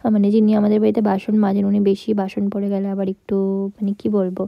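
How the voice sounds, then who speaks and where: A woman's voice: medium pitch, monotone, quick pace, gravelly, dry recording, lo-fi sound. A young woman chatting casually through a home cooking vlog, explaining each step as she goes. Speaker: vlogger.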